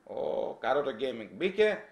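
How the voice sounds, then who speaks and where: A man's voice: mid-range voice, sing-song, vocal fry, reverberant. A man hosting a casual live stream, teasing viewers and reading their chat aloud during a giveaway.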